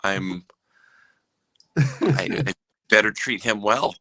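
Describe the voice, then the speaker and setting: A man's voice: on the low side, slow pace, bright, forceful tone, no echo, low-quality recording. A man chatting as a guest on a live stream, telling jokes and rambling stories that keep interrupting themselves. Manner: rambling, self-interrupting storyteller. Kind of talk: casual joking chat.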